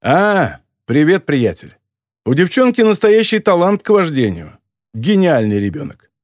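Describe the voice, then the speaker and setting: A man reading an audiobook, voicing a rude, mocking middle-aged editor who talks loudly and insults people. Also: a little high, sing-song, unhurried, no echo, clean studio sound, voice pushed up. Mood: shouting.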